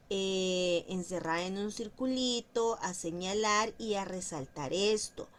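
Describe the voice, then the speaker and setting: A woman teaching a French language lesson, explaining pronunciation slowly and repeating example words for drilling. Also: medium pitch.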